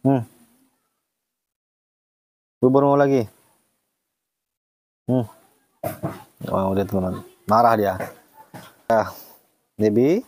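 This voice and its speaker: A man vlogging as he feeds and looks after a baby animal, talking gently and coaxing it with repeated phrases. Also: mid-range voice, slow pace, pauses often, no echo. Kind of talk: casual vlog narration.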